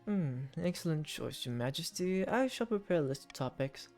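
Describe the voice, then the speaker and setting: A woman voicing a deferential royal advisor in a fantasy game, speaking in a slow, formal, theatrical manner. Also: sits low, expressive, warm tone, soft background music. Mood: smooth, approving. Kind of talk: theatrical fantasy game dialogue read aloud.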